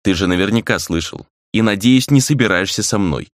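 A man's voice: fairly low pitch, brisk, no echo, studio quality, close to an everyday voice. A man voicing a young male exorcist who answers curtly and dryly.

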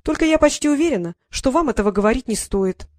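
A woman voicing a stubborn, sharp-tongued teenage girl who answers back with a raised voice. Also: high voice, animated, fast talker, no echo, clean studio sound, pitched above the performer's own voice. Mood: eager.

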